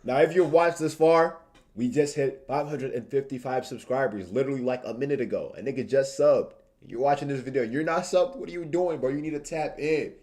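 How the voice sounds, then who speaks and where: Speaking briskly in a medium-pitched, slightly mellow voice, a young man from Tanzania chats on his livestream. The streamer and video creator uses informal slang and repeats phrases to emphasize them.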